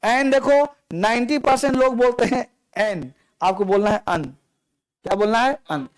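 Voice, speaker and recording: This is a man with a very high voice, speaking English smoothly at normal speed while teaching a grammar class, repeating points and coaxing students with questions. The audio is poor, with no room sound.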